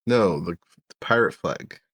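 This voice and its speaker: A man co-hosting a podcast in casual chat, playful and jokey, quick to chime in. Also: low-pitched, lively intonation, a bit bright, slightly rough. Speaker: podcast co-host.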